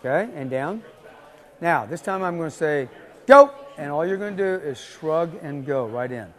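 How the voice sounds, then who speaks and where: A man's voice: on the high side, lively intonation, normal speed. A man coaching a lifter live, giving insistent, repeated short commands. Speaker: weightlifting coach.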